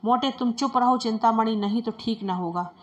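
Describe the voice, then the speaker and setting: A woman's voice: a little high, moderate pace, lo-fi sound, close to an everyday voice. A woman voicing a greedy, hot-tempered male priest who blusters and threatens. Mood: indignant.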